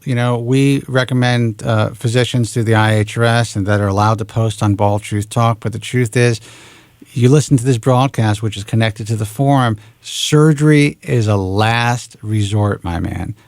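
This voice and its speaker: A man in his forties hosts a talk radio show into a studio microphone, speaking frankly and with a casual curse here and there. His voice has a gravelly, creaky edge and sits in a middle pitch. The sound is close and dry, with no room echo. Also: moderate pace. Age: 40s. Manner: frank, blunt, swears casually.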